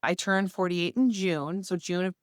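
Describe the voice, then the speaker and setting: Her voice fairly low and her intonation fairly even, a woman in her forties who vlogs about fitness talks at a moderate pace straight to the viewer, casually and earnestly reviewing her fitness year. The sound is dry and clean, studio grade.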